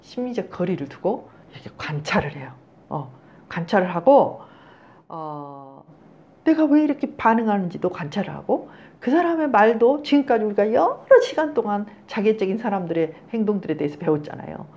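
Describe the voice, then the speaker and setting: A woman giving a psychology lecture, acting out angry quoted speech and dropping to soft whispers for emphasis. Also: mid-range voice, brisk. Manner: animated, acts out angry quoted lines, drops to whispers. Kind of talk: spoken lecture to a class.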